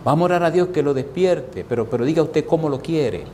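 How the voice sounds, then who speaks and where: A man's voice: a little high, brisk, dark tone, slight background noise. A man preaching a sermon with dramatic swings, at times acting out the voices of people in his stories. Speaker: pastor.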